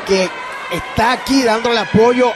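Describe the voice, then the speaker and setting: A man with a Puerto Rican accent giving partisan wrestling commentary, emphatic, with drawn-out, repeated exclamations. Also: extremely high pitch, shouting. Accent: Puerto Rican Spanish. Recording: noisy arena with crowd behind. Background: crowd noise.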